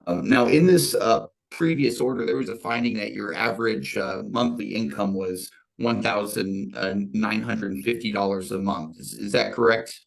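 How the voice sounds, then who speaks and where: An American man puts formal courtroom questions as a state's attorney. His voice is fairly low and full of vocal fry, though clean in tone. He proceeds haltingly, hesitating and repeating words. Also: rough recording. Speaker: state's attorney in child support case. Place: court hearing over video call.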